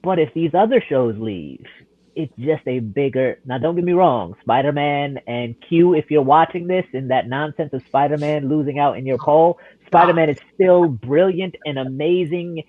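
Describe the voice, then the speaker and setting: A man co-hosting a casual podcast chats in a hesitant, stammering way, his voice fairly high and his pace moderate. The recording has no echo and sounds dry and tinny, like a phone line.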